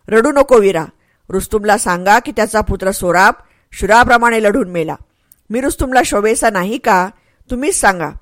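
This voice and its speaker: A woman's voice: fairly high pitch, no echo, clean studio sound, close to an everyday voice. A woman voicing a brave young male warrior, a dying son who speaks earnestly and pleads tenderly.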